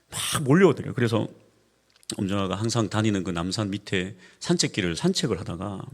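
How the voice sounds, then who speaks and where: A man's voice: on the low side, breathy edge. A man preaching a Sunday sermon as pastor, telling stories and firing rhetorical questions at the congregation. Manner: animated storytelling, acting out quoted voices, rhetorical questions to the congregation.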